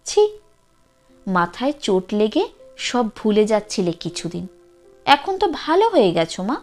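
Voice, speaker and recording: A woman's voice: medium pitch, big pitch swings, a little slow, darkish tone, faint music behind. A woman voicing a grown son who comforts his mother in a storybook reading. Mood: reassuring. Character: grown son, reassuring, gentle.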